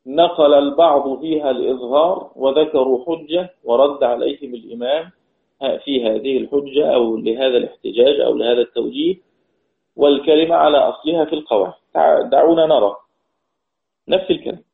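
A man's voice: mid-range voice, vocal fry. A man with an Egyptian accent teaching a Quran recitation lesson, explaining step by step and putting questions to his students. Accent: Egyptian Arabic. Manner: chants verse lines slowly. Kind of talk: recorded online lesson. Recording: tinny phone-like line.

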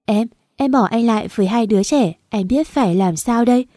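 A tearful young husband, as a woman narrator reads him, pleading softly at his wife's hospital bed. The voice is mellow and dark, close and dry with no room sound. It is a storybook reading of a desperate, loving man. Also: a little high, fairly quick, dry recording, lightly acted.

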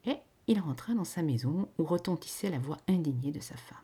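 Woman narrator, husky, lively intonation, literary reading. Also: low-pitched, a little fast. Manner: expressive, varied storytelling.

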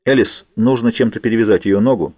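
A man doing a calm, low-voiced doctor. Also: fast talker, dry recording, highs cut off, natural voice. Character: calm middle-aged male doctor.

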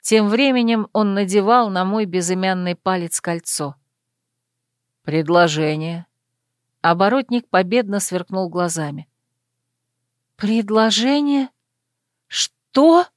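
A woman's voice: mid-range voice, moderate pace, hardly any pauses, clean tone, dry recording. Woman narrating a romance audiobook, dry.

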